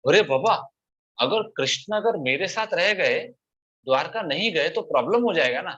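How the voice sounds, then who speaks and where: A man's voice: on the high side, expressive, moderate pace, sharp tone, husky, heavily acted. A man voicing a devoted older queen mother who speaks in an earnest, pleading way. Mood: worried. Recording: dull lo-fi recording.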